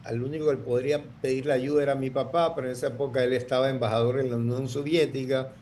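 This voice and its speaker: A man's voice: mid-range voice, flat delivery, fast, darkish tone, slight background noise. A man, telling his story in an interview, rambling with many restarts. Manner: rambling, full of restarts and fillers. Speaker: guest entrepreneur.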